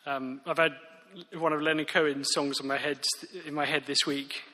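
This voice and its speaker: A man's voice: a little high, flat delivery, normal speed, pushed and bright. A man preaching a sermon, earnest and emphatic, returning again and again to key phrases. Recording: reverberant hall.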